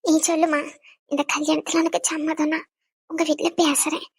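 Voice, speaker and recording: A woman's voice: high voice, little pitch movement, moderate pace, dry recording, clean studio sound. A woman voicing a stern but caring older mother in a cartoon who lectures and scolds her family. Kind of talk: cartoon voice acting.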